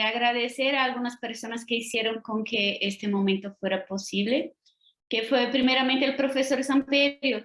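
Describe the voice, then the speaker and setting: This is a woman with a somewhat high, slightly bright voice. She's a Brazilian native Portuguese speaker giving an academic lecture as a guest lecturer over a roomy-sounding video call, speaking with a Brazilian Portuguese accent, pacing herself carefully and often checking in with tag questions.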